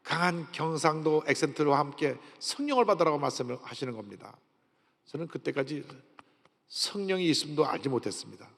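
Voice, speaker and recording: A pastor in his sixties preaching a sermon and telling his own testimony, with sudden jumps between quiet and loud. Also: fairly high pitch, fairly quick, vocal fry. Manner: storytelling with sudden swings in loudness. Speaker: senior pastor. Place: large church sanctuary. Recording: long reverb of a large church hall.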